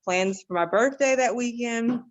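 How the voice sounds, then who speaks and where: A woman's voice: on the high side, a little slow. Breathless woman sharing on a lo-fi call. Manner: long-winded, earnest and enthusiastic. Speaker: program participant. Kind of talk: casual testimonial on a video call. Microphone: video call.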